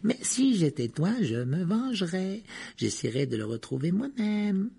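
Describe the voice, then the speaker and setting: A man voicing a sly, spiteful schoolboy bully who taunts slowly and in a hushed tone, in a storybook reading. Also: high-pitched, big pitch swings, creaky, husky, pitched above the performer's own voice, heavily acted. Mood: taunting.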